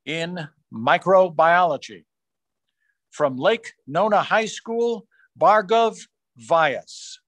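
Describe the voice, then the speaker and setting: Man reading awards, slightly high voice. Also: animated, fairly bright tone, dry recording. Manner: measured, formal announcing, rising on school names. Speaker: awards announcer. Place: small room on a video call. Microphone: video call microphone.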